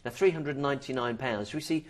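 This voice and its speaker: A man's voice: fast talker, a little hiss or hum. Upbeat male TV sales host. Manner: upbeat, salesy, pitch rises when excited. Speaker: TV shopping host. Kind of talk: enthusiastic sales presentation.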